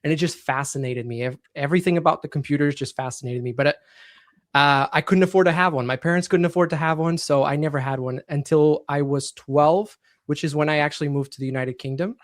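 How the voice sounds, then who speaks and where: A man from Portugal with Portuguese as his first language, a podcast guest explaining his story in a relaxed, steady way. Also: a little high, fairly quick, dry recording, studio quality. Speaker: guest entrepreneur. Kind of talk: casual interview chat.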